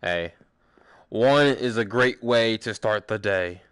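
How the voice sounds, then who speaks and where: A young man streaming a game with friends, chatting casually, swearing a lot and breaking into excited shouts. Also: lowish voice, takes it slowly, clean tone, no room sound. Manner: excitable, profane, bursts into shouts. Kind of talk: casual gaming commentary.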